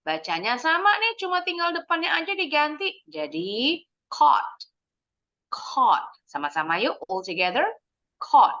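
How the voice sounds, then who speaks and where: A woman English teacher leading a kids' lesson, slowly modeling words for the class to repeat, mixing English phrases into her explanations and praising answers. She clears her throat often. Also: sits high, big pitch swings, bright, forceful tone, lo-fi sound. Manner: encouraging praise after answers. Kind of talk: online English lesson for kids.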